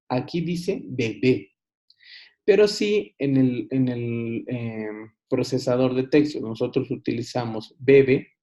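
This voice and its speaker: Man, online lecture, slow, frequent fillers, dull lo-fi sound. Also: mid-range voice, mellow. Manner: unhurried, many hesitations and restarts. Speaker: teacher. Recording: dull lo-fi recording.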